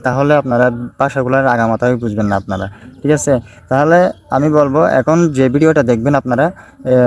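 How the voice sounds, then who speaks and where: Fast-talking Bangladeshi man teaching. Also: medium pitch. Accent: Bangladeshi Bengali. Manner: repetitive, checks in with "ঠিক আছে?". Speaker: language teacher. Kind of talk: casual screen-recorded lesson.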